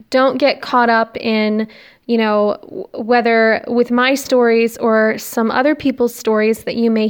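Young American woman, high voice, lisp from braces. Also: smooth. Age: young adult. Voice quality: slight lisp from new braces. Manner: rambling, self-deprecating. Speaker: podcast host. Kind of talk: casual, confessional solo podcast talk. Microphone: recording on a phone.

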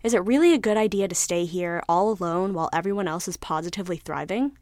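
A woman voicing a stubborn male anchovy who is dreamy and defiant, speaking low and muted. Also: fast, darkish tone, no echo, lightly acted.

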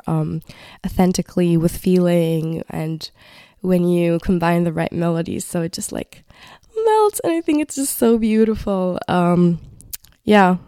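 A woman's voice: fairly low pitch, dark tone, smooth, dry recording, clean studio sound. A woman in her twenties from Palestine, hosting a casual solo podcast and rambling as she searches for words. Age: 20s. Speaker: podcast host.

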